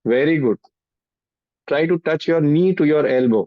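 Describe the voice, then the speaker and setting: A man's voice: on the high side, drawn-out words. A man with an Indian accent coaching a live group workout in Hindi and English, urging people on with repeated short commands and counts. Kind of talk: live exercise class instruction, mixing Hindi and English. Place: online group video call. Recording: dull, roomy video-call audio.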